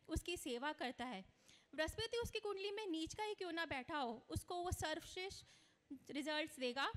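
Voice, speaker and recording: Woman speaker at a conference, high voice, earnest teaching tone, hall echo. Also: fairly bright tone. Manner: earnest, instructive, mixes English words into Hindi. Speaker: astrology speaker. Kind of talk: conference speech. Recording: long reverb of a large hall.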